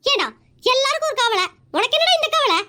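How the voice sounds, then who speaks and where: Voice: very high-pitched, expressive, a little fast, sharp tone, slight background noise, heavily acted. A voice actor playing a blunt, nosy old village woman in a cartoon. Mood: teasing.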